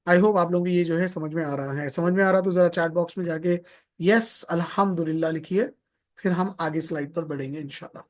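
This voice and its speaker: A man with a slightly high voice and a brisk pace teaches Quran recitation in a live online lesson. He patiently repeats points, stretches vowels to demonstrate, and adds pious blessings.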